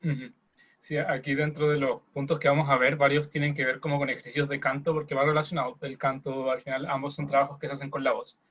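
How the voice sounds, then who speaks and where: A young man guides a theater workshop in an informal, encouraging way. His voice has a mid pitch and comes through a dull, lo-fi recording. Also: little pitch movement, fast talker, fairly bright tone. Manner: encouraging, informal, hesitant restarts. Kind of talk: online workshop talk. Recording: dull lo-fi audio.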